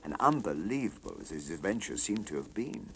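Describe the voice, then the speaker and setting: Male narrator, dramatic storytelling, lowish pitch, very animated, clearly noisy recording. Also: fairly quick.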